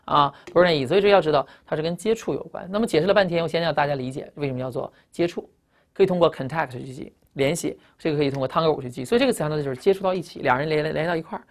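A woman's voice: low voice, lively intonation, very fast. A woman with Chinese as her first language teaching English vocabulary in a recorded lecture, emphatic, asking rhetorical questions and spelling out word roots.

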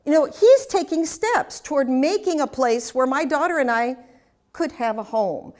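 An older woman leads a class, trading questions with her listeners and dropping in wry asides. Her voice sits a little high, and her delivery is chatty and anecdotal. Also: lively intonation, moderate pace. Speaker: speaker teaching a class. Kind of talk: interactive talk with audience questions.

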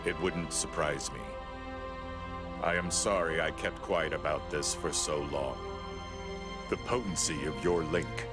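An actor playing a huge, stoic male android in a video game, speaking in a grave, measured, formal way. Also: very deep voice. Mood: solemn. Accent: American. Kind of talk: video game cutscene acting.

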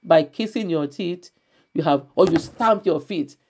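A woman's voice: fairly low pitch, measured pace, creaky, a little mellow, a little hiss or hum. A woman pastor preaching a church sermon, repeating her key phrases emphatically and reading scripture aloud.

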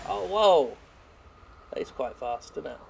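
A man's voice: a little high, expressive, measured pace, creaky, soft background music, rough recording. A British man giving casual, rambling and self-deprecating gameplay commentary, swearing freely as he plays. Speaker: gamer commentating over gameplay. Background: faint video game action sounds.

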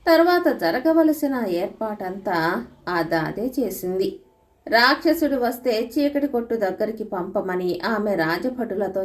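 A woman narrating folk and moral tales as an audiobook storyteller, in a steady, expressive way. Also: mid-range voice.

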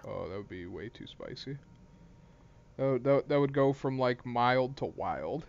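A man's voice: medium pitch, expressive, a little slow, vocal fry. Muffled lo-fi man casting casually. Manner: joking, swears freely. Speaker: stream co-caster. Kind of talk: casual game commentary.

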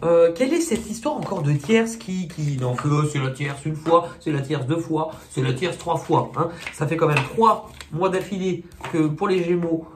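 A man's voice: fairly high pitch, moderate pace, few pauses. A man giving a casual monthly tarot reading, chatty and hesitant, with many fillers and self-mocking asides. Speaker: tarot card reader. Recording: echoey room, faint noise.

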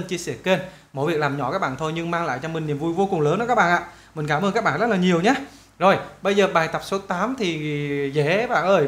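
A man teaching English to schoolchildren in a casual, chatty walkthrough, often repeating phrases and spelling out English questions slowly; his first language is Vietnamese. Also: fairly high pitch, a bit bright.

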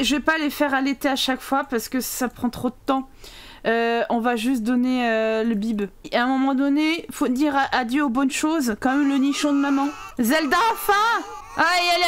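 A young woman doing let's play commentary, excitable, often laughing and yelling at the game with casual swearing. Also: high-pitched, a little hiss or hum. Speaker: gaming channel host.

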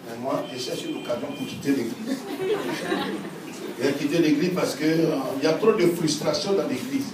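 High-voiced man preaching in echoey hall. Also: normal speed, a loud crowd. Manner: animated preaching, acting out quoted church members. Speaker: pastor. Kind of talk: sermon. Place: church hall. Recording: very echoey hall, distant mic, faint noise.

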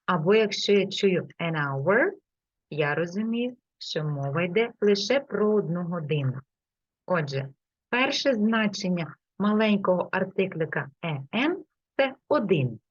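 A woman's voice: fairly low pitch, lively intonation, measured pace, no echo. Patient woman teacher. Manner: patient, repeats English examples clearly. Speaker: English teacher. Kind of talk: explaining a lesson to a learner. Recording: dull, lo-fi, dry sound.

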